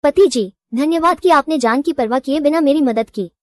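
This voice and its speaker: A woman dubbing a devoted young wife who speaks softly and politely to her husband. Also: high-pitched, moderate pace, no room sound, studio quality, natural voice. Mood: adoring. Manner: soft, adoring and polite. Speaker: dub voice actor. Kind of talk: Hindi dub of a drama.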